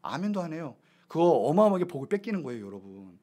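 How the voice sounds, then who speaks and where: A male pastor preaching a lively sermon in a church, swinging between loud exclamations and hushed asides. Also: fairly high pitch, quick pace. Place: church sanctuary.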